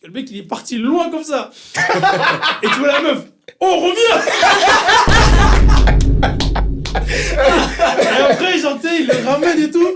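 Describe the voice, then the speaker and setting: A man's voice: extremely high pitch, moderate pace, loud music behind the voice. A young man with a Swiss French accent, co-hosting a podcast and telling a funny story in casual chat, laughing as he goes. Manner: animated storytelling, laughing through it. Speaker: podcast co-host.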